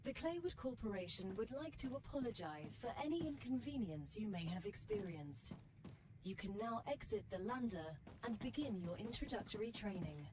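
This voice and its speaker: A woman voicing a calm, polite female AI assistant for a corporation in a video game. She speaks in a formal, announcer-like way, with a robot voice effect. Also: mid-range voice, normal speed. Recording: game audio with clear background noise.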